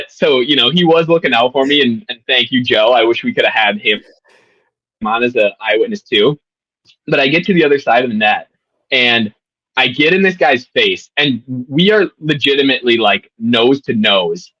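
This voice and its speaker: Young man, casual storyteller, animated, bright husky voice, dry muffled recording. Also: medium pitch, moderate pace, no room sound. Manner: animated, many fillers and restarts. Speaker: guest, former college tennis player.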